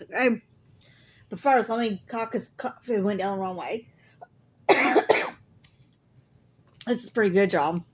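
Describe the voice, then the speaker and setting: A woman's voice: medium pitch, husky. A middle-aged woman with a Southern US accent chatting casually to her viewers, folksy and talkative, with an asthmatic cough. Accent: Southern US (Alabama). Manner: chatty, folksy, says y'all often. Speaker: crafting vlogger.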